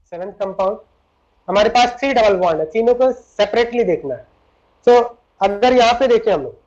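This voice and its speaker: On a dull lo-fi recording, a man with a high, slightly mellow voice teaches chemistry to a class. He alternates Hindi and English, explains step by step, and often turns to his students with questions.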